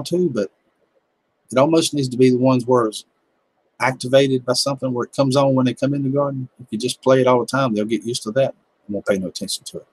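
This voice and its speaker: With a medium-pitched, breathy-edged voice, a Southern American gardening livestream host in his fifties casually reads viewer comments, laid-back and folksy with plenty of jokes. The rough recording has no room sound.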